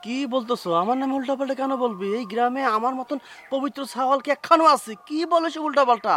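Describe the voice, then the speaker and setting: Brief: high-pitched, rapid, pompous village playboy played by a man, music behind. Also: exaggerated voice. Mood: indignant. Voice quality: loud, pompous and fast-talking. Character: boastful young village chairman's son, womanizer. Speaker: chairman's son. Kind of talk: village comedy drama acting.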